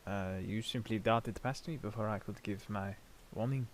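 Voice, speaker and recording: A man voices a helpful ghostly gravedigger for tabletop role-play. The voice sits fairly low. The phrasing is formal and polite, with halting, apologetic hesitations. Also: slight background noise, natural voice. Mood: courteous, cautioning. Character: courteous, apologetic male gravedigger spirit, trapped and helpful.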